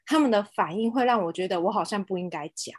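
A woman's voice: medium pitch, quick pace, dry recording, studio quality. A woman with a Taiwanese accent chatting casually on a podcast as co-host, in a self-mocking, mildly exasperated way.

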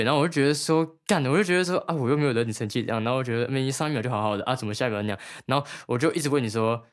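Fast-talking young man, rambling. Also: mid-range voice. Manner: fast, rambling, defensive retelling. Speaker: podcast co-host. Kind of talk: casual couple chat.

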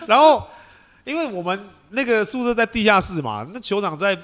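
A man's voice: high-pitched, very animated, moderate pace, a bit bright. A young man with a Taiwanese Mandarin accent, hosting a podcast and telling a story in casual chat. He acts out quoted voices and laughs often. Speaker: podcast host.

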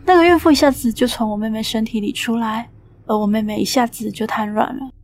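A woman's voice: fairly high pitch, fast, no room sound. A woman hosting a podcast, narrating a ghost story with tension and acting out the quoted lines.

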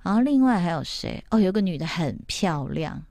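A woman's voice: lowish voice, animated, moderate pace, a little mellow, no echo, clean studio sound. A middle-aged woman host in casual chat, animatedly retelling a TV plot and acting out the quotes.

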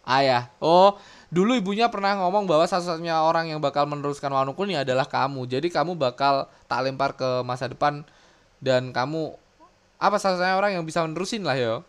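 A man's voice: on the high side, fast talker, smooth. A man hosting a casual podcast. He reads comic panels aloud, gets worked up and swears a lot. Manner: excitable, swears often, slips into dramatic readings. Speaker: podcast host.

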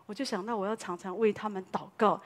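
A woman pastor, preaching a sermon as a lively story full of exclamations. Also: medium pitch, quick pace.

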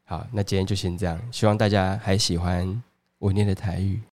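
A man's voice: deep voice, flat delivery, fairly quick, a little mellow, big-room sound. A man in his thirties with a Taiwanese Mandarin accent, co-hosting a casual podcast chat and joking around playfully. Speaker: podcast co-host.

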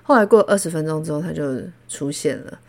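A woman from Taiwan with a Taiwanese Mandarin accent, hosting a podcast and telling stories in a casual, animated way, laughing often. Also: low voice, fairly quick, creaky. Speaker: podcast host. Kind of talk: casual storytelling.

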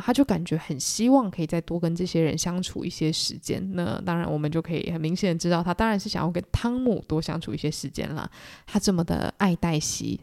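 A young woman with a Taiwanese Mandarin accent, hosting a solo book-club podcast and retelling a story in a chatty way, often putting on animated voices. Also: fairly low pitch, vocal fry, no room sound, clean studio sound. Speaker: podcast host.

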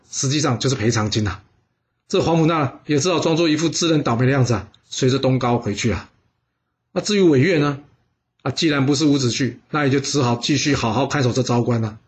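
Chatty storyteller man. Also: medium pitch. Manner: chatty, drawn-out particles, asides to listeners. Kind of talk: casual history storytelling podcast.

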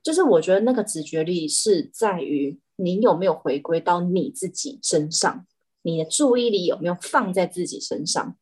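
A woman, an animal communicator chatting as a guest, telling stories in an animated way with frequent restarts. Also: fairly low pitch, moderate pace, slightly rough. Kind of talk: casual chat.

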